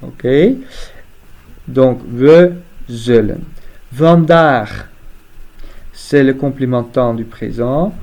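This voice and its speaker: Slow, methodical male teacher. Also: mid-range voice, a little mellow. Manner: slow, methodical, spells out letters one by one. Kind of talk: explaining grammar step by step.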